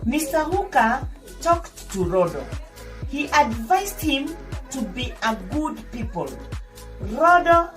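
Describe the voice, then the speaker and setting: Taking it slowly in a high, sing-song voice, a woman reads a children's story as a teacher would, explaining and repeating points for young listeners. She's recorded from a distant microphone with background music.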